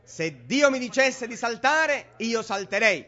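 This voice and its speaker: A man's voice: very high-pitched, lively intonation, slow pace, pushed and bright, full character voice. Man reading a simple, earnest old believer. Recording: dull lo-fi recording.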